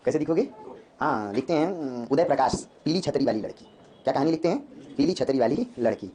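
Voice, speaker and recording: कक्षा में हिंदी साहित्य पढ़ाता एक पुरुष शिक्षक, जो बार-बार छात्रों से सवाल पूछता है।. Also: male voice, mid-range voice, a little hiss or hum. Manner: lively, quizzes students with quick questions. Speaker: Hindi literature teacher. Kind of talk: classroom lecture. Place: classroom.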